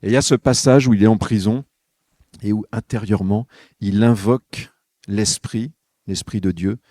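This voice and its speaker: Man, lowish voice, warm and dark tone, reflective homily, conversational, talks straight to listeners. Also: steady tone, normal speed, no echo, clean studio sound. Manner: conversational, addresses listeners directly. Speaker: podcast speaker on spiritual life.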